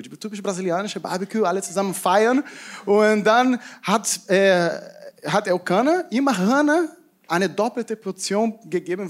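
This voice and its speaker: A man preaching to a congregation, retelling a Bible story in a lively way, acting out quotes and asking his listeners questions. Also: sits high.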